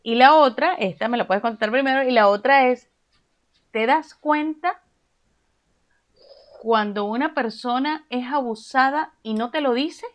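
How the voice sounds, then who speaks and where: Brief: Venezuelan woman interviewer, slightly high voice, chatty questions. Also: measured pace, pauses often. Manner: conversational, leading with long framed questions. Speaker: interview host.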